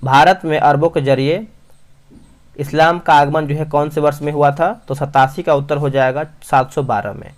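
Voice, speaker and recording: A young man reading quiz questions and answers at speed for exam revision, often restarting words and calling viewers his friends. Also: on the high side. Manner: rapid, frequent restarts, addresses viewers as friends. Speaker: quiz teacher.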